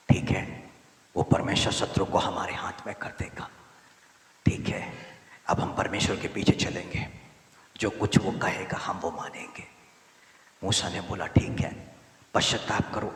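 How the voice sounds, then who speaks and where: A man preaching as a pastor, moving between loud exhortation and soft murmured appeals, with repeated hallelujahs. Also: deep voice. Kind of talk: sermon. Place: church hall. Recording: echoey church hall, voice from a distance. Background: congregation.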